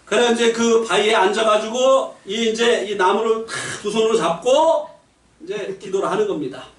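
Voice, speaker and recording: A man giving a lively testimony at a gospel meeting, telling stories with shouted punchlines and laughter. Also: high voice, moderate pace. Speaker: lay preacher giving a testimony. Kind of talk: sermon testimony. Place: church meeting hall. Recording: echoey hall, mic from a distance.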